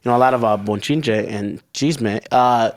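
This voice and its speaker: A man's voice: mid-range voice, normal speed. A man co-hosting a casual podcast chat, joking and teasing, often laughing. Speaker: podcast co-host.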